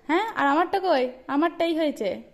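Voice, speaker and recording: High-voiced mother gently teasing her child. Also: lively intonation, normal speed. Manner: playful teasing scolding, warm coaxing. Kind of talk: casual family chat with a child.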